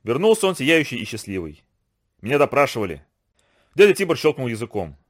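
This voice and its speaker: A man reading a story aloud as narrator in an expressive, storytelling manner. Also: medium pitch, fairly quick. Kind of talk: scripted audiobook narration.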